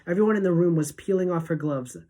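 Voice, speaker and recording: Expressive woman reading a novel aloud. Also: fairly low pitch, quick pace, low-quality recording. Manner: expressive storyteller, swings between hushed and emphatic. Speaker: teacher reading aloud to students.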